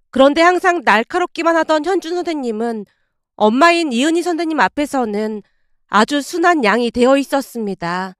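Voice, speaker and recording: Woman, first-person story narration, calm, high voice, dry recording. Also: clean tone, no echo. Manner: calm, recounting.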